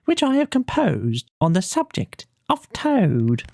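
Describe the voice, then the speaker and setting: High, squeaky, mocking weasel chief. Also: male voice, huge pitch swings, vocal fry, background noise, exaggerated voice. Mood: gleeful, mocking. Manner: mock-formal speechmaking, drawn-out delivery. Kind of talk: storybook character voice in audio play.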